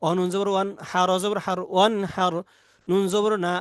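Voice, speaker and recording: A man with a Bangladeshi accent teaching Quran reading rules, spelling out Arabic letters and vowel marks in slow, repetitive drills. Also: high-pitched, little pitch movement, clear, resonant tone, no room sound, clean studio sound.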